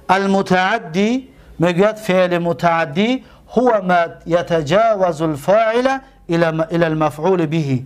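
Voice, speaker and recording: A man with a fairly high voice and a Tajik accent teaches a grammar lesson. He drags out example words slowly and poses questions to the class that he answers himself.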